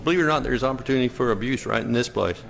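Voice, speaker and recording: A man explaining a bill as a state senator in a deliberate, halting, conversational way. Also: mid-range voice, gravelly, fairly bright tone. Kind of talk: informal legislative explanation. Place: large legislative chamber. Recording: long echoing hall reverb.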